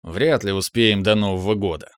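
A man's voice: fairly low pitch, moderate pace, clean tone, no room sound, studio quality, close to an everyday voice. A man voicing a jovial, joking middle-aged father in an audiobook reading. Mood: hearty.

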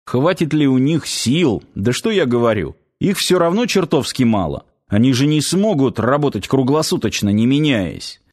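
A male narrator doing a gruff middle-aged garrison commander in an audiobook, blustering and volatile. He slides between weary grumbling and sudden yelling, in a middle-pitched male voice. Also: animated, normal speed, hardly any pauses, natural voice. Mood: worried. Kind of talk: audiobook character voice.

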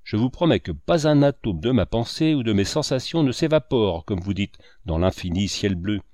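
Loud composer protesting hard in an audiobook, lively voice, read by a man. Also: fairly low pitch, moderate pace, no echo, clean studio sound, natural voice. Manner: insistent, protesting.

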